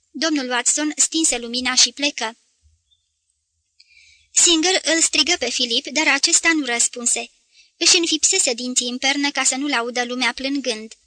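A woman reads a novel aloud in an even, measured way. Her voice is high and bright, recorded close and dry with no room sound. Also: dry recording. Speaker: audiobook reader. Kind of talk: scripted literary narration.

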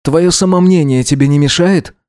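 A man's voice: on the high side, a little mellow, no echo, clean studio sound, pitched above the performer's own voice, close to an everyday voice. A man voicing a prickly, broke young male student who snaps and throws insults in an audiobook drama. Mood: grudging, annoyed. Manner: snappish, indignant, quick to insult.

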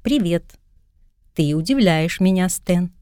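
A woman's voice: on the low side, slow, smooth, dry recording, studio quality. A woman voicing a witty, mischievous young woman in an audiobook. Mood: playful. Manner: lively, wry, chatting to her cat.

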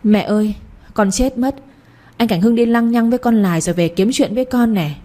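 A woman's voice: animated, brisk, dark tone, close to an everyday voice. A woman voicing a jealous, quarrelsome young wife who accuses her husband in a read-aloud story. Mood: furious. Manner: shrill, accusing.

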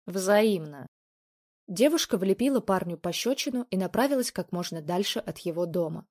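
A woman narrating a dramatic relationship story in a measured reading voice. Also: mid-range voice, lively intonation, darkish tone, slightly rough.

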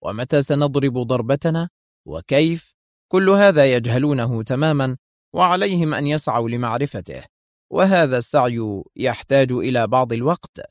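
A man's voice: mid-range voice, lively intonation, normal speed, no room sound, studio quality, lightly acted. A man voicing an irritable male intelligence officer who argues sharply and insistently. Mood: firm, agitated.

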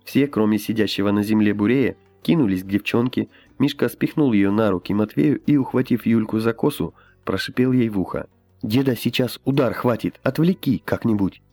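A man reading an audiobook aloud in an expressive storytelling manner. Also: fairly low pitch, fairly quick, few pauses, no echo, soft background music. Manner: expressive, lively. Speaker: audiobook reader. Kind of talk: scripted narration.

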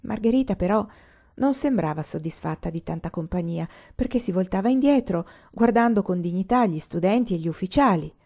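A woman narrating a literary audiobook in a calm, measured way. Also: mid-range voice. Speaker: audiobook reader. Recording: slightly muffled recording.

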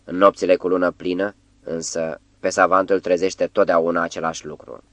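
A man narrating a literary audiobook in a measured, calm storytelling voice. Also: sits low, no echo.

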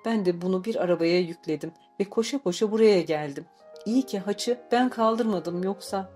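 A woman's voice: medium pitch, normal speed, mellow, faint music behind, natural voice. A woman reading an audiobook voices a frightened uncle speaking in a whisper. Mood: urgent.

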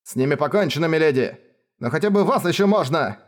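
A loyal royal advisor shouts urgent commands to protect his princess, voiced by a man reading an audiobook. His voice is raised and forceful. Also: fairly high pitch, very animated, unhurried, breathy edge, heavily acted.

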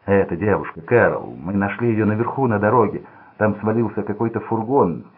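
A man's voice: on the low side, expressive, brisk, slightly rough. A man voicing a panicked, blinded young thug who pleads desperately for his life. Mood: agitated. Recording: tinny phone-like sound.

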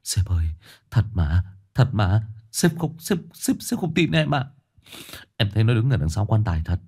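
A man's voice: lowish voice, sing-song, fast talker, warm tone, husky, heavily acted. Man doing a frantic young man rising to a cry. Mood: pleading. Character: panicked young man insisting he sees a ghost.

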